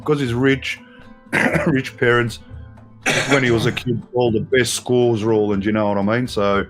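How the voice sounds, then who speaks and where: A man's voice: mid-range voice, fairly even intonation, measured pace, faint music behind. A middle-aged man with an Australian accent, chatting casually on a livestream, full of fillers and "mate". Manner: loose, swearing, lots of "mate" and fillers. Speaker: livestream co-host. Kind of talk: casual chat.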